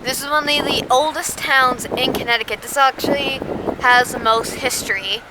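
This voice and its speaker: A woman's voice: high voice, moderate pace. Chatty woman in heavy wind. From Massachusetts. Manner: chatty, apologetic, rambling. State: cold and low on energy. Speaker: cemetery explorer vlogger. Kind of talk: casual outdoor vlog. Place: windy outdoor cemetery. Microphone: camera held by another person. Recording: heavy wind noise on mic.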